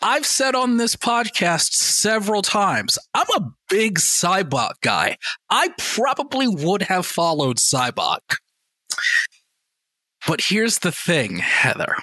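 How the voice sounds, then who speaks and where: A man co-hosting a podcast speaks slowly in a high pitch, his casual talk enthusiastic and lively and full of repeated words. There's no reverb on the recording.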